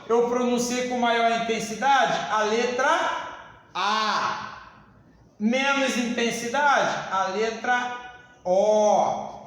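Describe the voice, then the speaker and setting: A man's voice: very high voice, a bit bright. A man teaching a grammar lesson to a class, speaking emphatically and addressing the students formally. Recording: echoey hall with long reverb.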